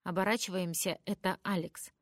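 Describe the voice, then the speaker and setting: A woman's voice: on the low side, steady tone, moderate pace, no echo, clean studio sound. A woman reading a first-person teen story aloud, raising her voice for the emotional dialogue.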